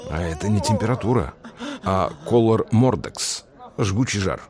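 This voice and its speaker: An actor playing a jovial, ironic forensic doctor with a theatrical, teasing manner in an audio drama. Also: male voice, on the low side, expressive, a little slow, a little mellow. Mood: wry, teasing.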